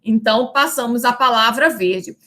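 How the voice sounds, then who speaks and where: A woman teacher lectures in a high, clear, bright voice. She explains step by step, often pausing to check understanding, and slows right down to draw out the words she uses as examples. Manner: didactic, checks in with "né?" and "tá?"; stretches out example words slowly. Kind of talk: recorded lecture.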